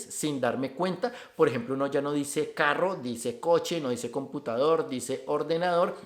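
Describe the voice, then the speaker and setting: Man with a Bogotá Colombian accent, slightly high voice, reflective casual vlog talk, echoey room. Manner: reflective and conversational, stringing points with "entonces". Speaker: vlogger talking about migrant life. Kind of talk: casual talking-head opinion video.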